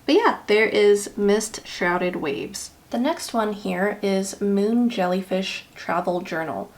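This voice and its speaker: Talking through ink swatches on her vlog, this woman speaks slowly and animatedly in a mid-range voice. A retainer gives her a slight lisp, and her casual rambling comes across as a bit self-conscious.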